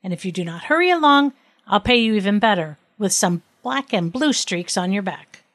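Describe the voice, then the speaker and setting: A woman's voice: medium pitch, lively intonation, normal speed, a bit bright, no room sound. A woman reading the lines of a cruel, smug male judge, bossy with peasants and fawning to the king. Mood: threatening.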